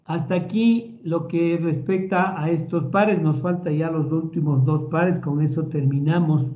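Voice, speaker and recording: A man with an Ecuadorian Spanish accent giving a recorded medical lecture in a measured, explanatory way, often repeating words as he thinks. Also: fairly high pitch, dark tone, dull audio.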